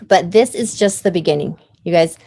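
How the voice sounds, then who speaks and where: A woman's voice: lowish voice, moderate pace, gravelly, dark tone, dry recording. A woman co-founder wrapping up a video call with her team, heartfelt and tearful as she thanks them. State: teary. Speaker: business co-founder.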